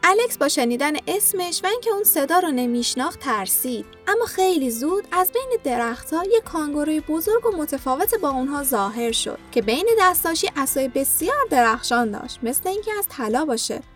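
A woman narrating a children's story in a gentle storytelling manner. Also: sits high, sing-song, hardly any pauses, faint music behind.

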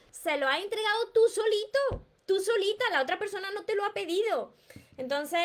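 Her voice sits high, carrying a Peninsular Spanish accent as she hosts a live stream. The self-help author names viewers in greeting and encourages them with emphatic advice.

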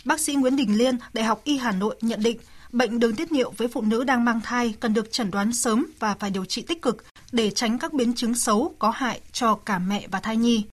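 A woman's voice: fairly high pitch, normal speed. A woman presenting a health segment on radio in scripted informational narration.

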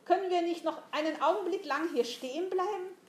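A woman's voice: extremely high pitch, a little fast, slight background noise, voice pushed up. A woman voicing an eager, anxious teenage boy who pleads earnestly in a storybook reading. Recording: roomy echo.

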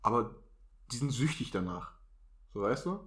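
A man's voice: mid-range voice, very animated, normal speed, a bit bright, a little hiss or hum. A young man from a Turkish family background, co-hosting a casual podcast chat, slangy and joking, laughing often. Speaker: podcast co-host.

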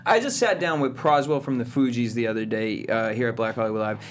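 A man's voice: mid-range voice, fast. A man from Massachusetts co-hosting a casual panel talk show, telling stories and acting out quotes. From Massachusetts, USA. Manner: animated storyteller, acts out quotes. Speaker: co-host. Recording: faint background noise.

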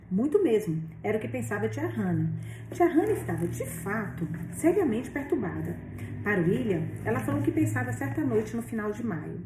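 A woman reading a novel aloud in a steady, expressive way. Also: mid-range voice, slight background noise. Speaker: audiobook reader. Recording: roomy echo, distant mic.

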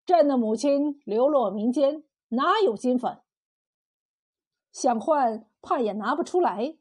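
A woman voicing a stern, wise male emperor who speaks with measured authority. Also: sits high, expressive, husky, heavily acted.

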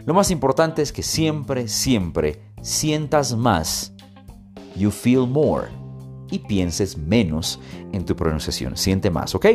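Guy teaching english intonation on his podcast, super expressive voice going up and down, bit of guitar music behind. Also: lowish voice, takes it slowly. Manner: expressive, demonstrates intonation with sung and dramatic readings. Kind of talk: podcast lesson mixing Spanish and English.

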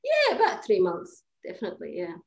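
A woman in her thirties from Eritrea, founder of a cleaning business, is a guest on a podcast interview, talking casually from home during lockdown. Her medium-pitched voice swings hugely in pitch, moves fairly quickly, and has vocal fry. She's hesitant, restarts often, uses many fillers, and laughs easily, all in lo-fi sound.

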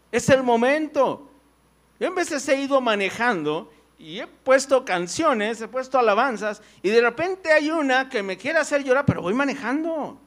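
A man's voice: very high-pitched, a bit bright. A man preaching a conversational sermon in church. He tells personal stories, full of fillers and "right?" tags.

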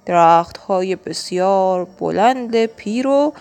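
A woman voicing a weary, loving shepherd father in a children's audiobook, speaking gently and patiently. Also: medium pitch, animated, faint music behind, lightly acted. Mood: gentle patient. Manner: gentle, patient storybook delivery.

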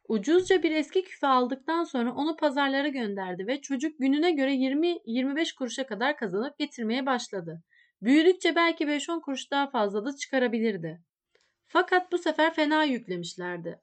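Reading a piece of literary fiction, a high-voiced woman keeps an even, expressive pace. She carries the scenes forward at a steady clip.

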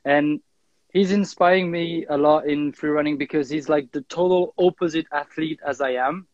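A man's voice: on the high side, fairly even intonation, normal speed, no echo, dull audio. A young man from Switzerland, chatting casually as an interview guest, full of fillers and restarts. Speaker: guest, freerunner and kendama player.

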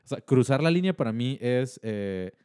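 A man, co-hosting a podcast in relaxed, slangy, joking chat. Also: mid-range voice, normal speed, clear, resonant tone. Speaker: podcast host. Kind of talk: casual chat.

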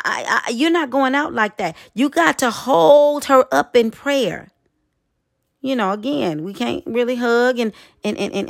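A woman preaching a sermon in an expressive, conversational way, with dramatic asides. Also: a little high.

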